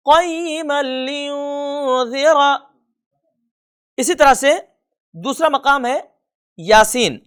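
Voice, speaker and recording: A man teaching a recorded tajweed lesson, patiently repeating each rule and reciting the examples slowly and drawn out. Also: extremely high pitch, a bit bright. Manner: slow, drawn-out recitation of examples between plain explanation. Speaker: Quran reading teacher.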